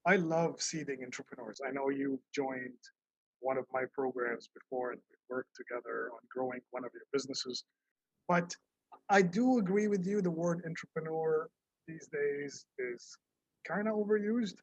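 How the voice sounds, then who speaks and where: A man's voice: fairly high pitch, normal speed, vocal fry, no echo, dull audio. A man hosting a podcast interview in a friendly, casual way, with frequent fillers and repeated words. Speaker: podcast host.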